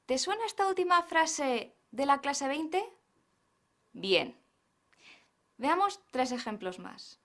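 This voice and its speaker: A woman's voice: high-pitched, very animated, slow pace, pauses often, fairly bright tone. A woman giving scripted narration for an English lesson, explaining grammar and pronunciation in Spanish with English examples.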